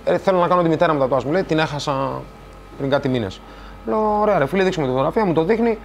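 A man's voice: creaky, a little hiss or hum. A man from Greece, a tattoo artist, telling stories in a casual interview and acting out the dialogue. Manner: animated, acts out dialogue, rises in pitch when quoting.

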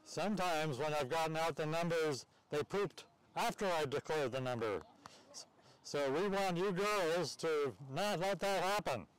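A man's voice: on the high side, unhurried, clear, resonant tone. A man announcing a live outdoor contest at a cow pasture, bantering jokingly with the crowd and teasing the waiting audience. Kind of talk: casual live event announcing.

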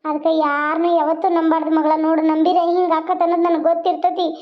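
A woman's voice: very high-pitched, little pitch movement, quick pace, muffled recording. A woman voicing a caring, protective village mother who comforts her daughter. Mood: soothing. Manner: comforting, pleading.

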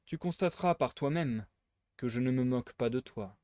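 Man reading a smug, playful gentleman burglar, dry recording, everyday register. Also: medium pitch, normal speed, no room sound, lightly acted. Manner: playful, teasing, smugly theatrical. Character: suave mocking gentleman thief, adult man. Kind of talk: live reading of a novel aloud.

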